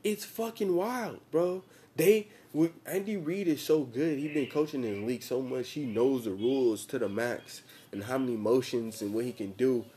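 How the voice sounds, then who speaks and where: Young man, American accent, frat-bro slang, profane, emphatic, repetitive, casual sports chat, dark relaxed tone. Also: medium pitch, moderate pace, slight background noise. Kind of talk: casual chat about football tactics.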